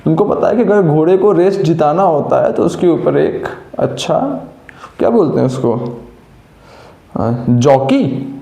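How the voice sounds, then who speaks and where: Male coaching teacher, warm higher voice, roomy echo, scolds and motivates. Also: lively intonation, unhurried, creaky. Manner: scolding and coaxing students with rhetorical questions. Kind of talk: motivational classroom talk.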